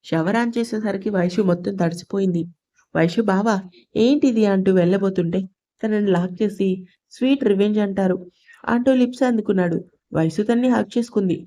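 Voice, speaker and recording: A woman's voice: medium pitch, brisk, mellow. A woman narrating a romantic audio story, reading every character's lines in her own voice. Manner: reads all characters' dialogue in her own voice.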